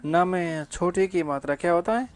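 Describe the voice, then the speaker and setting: A man with a high-pitched voice and moderate pace teaches English grammar in a classroom lecture. He answers his own rhetorical questions and slips in casual joking remarks.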